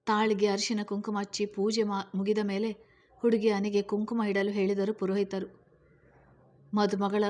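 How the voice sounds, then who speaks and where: A woman narrates a serialized story in a steady, measured reading voice. Her pitch stays flat and even in a middle register.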